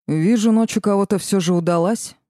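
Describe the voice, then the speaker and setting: A woman's voice: medium pitch, fairly quick, warm tone, dry recording, clean studio sound, natural voice. Woman reading a teasing, nosy male mage.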